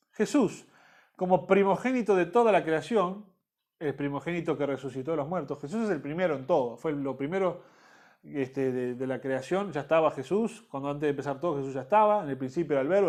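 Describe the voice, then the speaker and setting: A man's voice: fairly high pitch, a little mellow. A man teaching a church discipleship Bible class in Rioplatense Spanish, repeating key points and checking in with the listeners.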